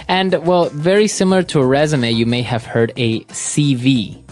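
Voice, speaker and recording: A man's voice: medium pitch, fairly even intonation, moderate pace, a little mellow, faint music behind. A man from Ecuador co-hosting an English lesson podcast, talking in a friendly, conversational way. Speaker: English teacher co-host.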